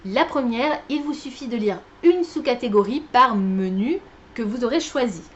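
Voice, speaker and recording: A woman's voice: a little high, animated, moderate pace, muffled recording. A tired woman chatting casually about her reading list as a book vlogger, with many fillers and self-corrections. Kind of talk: casual chat.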